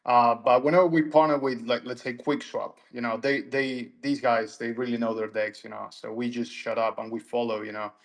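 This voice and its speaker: Male panel guest, mid-pitched, loose casual talk, heavy on "you know". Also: steady tone, moderate pace, few pauses. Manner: filler-heavy, repeats "you know" and restarts.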